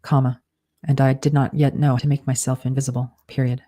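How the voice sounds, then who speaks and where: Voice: mid-range voice, level tone, a little fast, warm tone. An author dictating a novel aloud, speaking each punctuation mark and saying "undo" to fix slips. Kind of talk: slow dictation with spoken punctuation.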